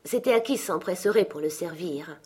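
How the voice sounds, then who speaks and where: A woman reading a classic novel aloud as an audiobook, in calm, measured storybook narration. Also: on the low side, breathy edge. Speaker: audiobook reader.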